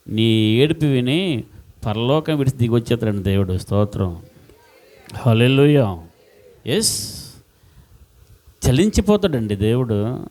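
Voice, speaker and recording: A man preaching a sermon as pastor, impassioned and repetitive, swinging between loud outbursts and hushed words. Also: medium pitch.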